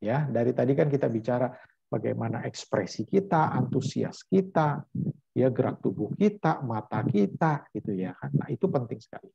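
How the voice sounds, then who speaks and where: A man's voice: mid-range voice, animated, moderate pace, vocal fry, warm tone, husky, no echo, muffled recording. A man teaching a Bible school class over a video call in a chatty, hesitant way, with many fillers. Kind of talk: online class lecture.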